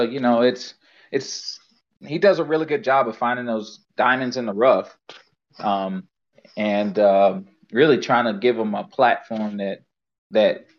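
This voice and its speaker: A man co-hosting a casual sports podcast, explaining things earnestly with frequent halting restarts. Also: mid-range voice. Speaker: podcast co-host. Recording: muffled lo-fi podcast audio.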